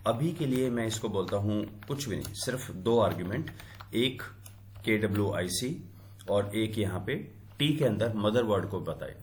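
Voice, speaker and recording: A man's voice: lowish voice, animated, normal speed, a little hiss or hum. A middle-aged man teaching a coding tutorial, talking through each step and mixing in English terms as he works. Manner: thinks aloud while working, with small fillers. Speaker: instructor. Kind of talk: screen-recorded coding tutorial.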